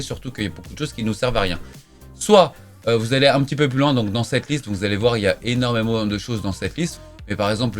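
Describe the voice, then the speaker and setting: A man giving a casual screen-recorded tech tutorial, chatty and emphatic, with frequent filler words like "voilà" and "donc". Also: mid-range voice. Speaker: tech youtuber.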